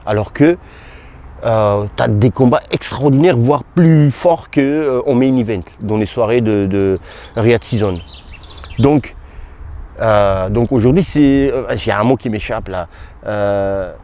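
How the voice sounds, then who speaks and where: Halting man with a mellow voice. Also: lowish voice. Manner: hesitant, halting, talks to viewers as "tu". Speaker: boxing YouTuber. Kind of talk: casual commentary to camera.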